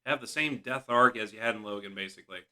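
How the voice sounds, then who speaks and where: Casting: young male co-host, very bright tone, relaxed and halting, quick to laugh. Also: fairly low pitch. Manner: easygoing, hesitant, laughs often. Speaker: podcast co-host. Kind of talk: casual chat.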